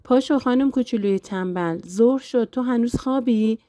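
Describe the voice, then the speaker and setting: A woman voicing an affectionate, teasing young husband in a novel reading, gentle but firm and playful. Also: on the high side, dry recording, pitched above the performer's own voice, natural voice.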